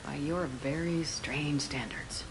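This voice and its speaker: A woman's voice: sits low, slow pace, noisy background. A woman playing a confident military commander in a video game, bantering in a friendly, casual, teasing way.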